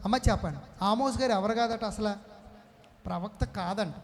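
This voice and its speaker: A male pastor preaching a sermon to a congregation, telling jokes, asking the people questions and calling for responses, building to emphatic shouts. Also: high voice, moderate pace. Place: prayer hall before a congregation. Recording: echoey prayer hall with long reverb.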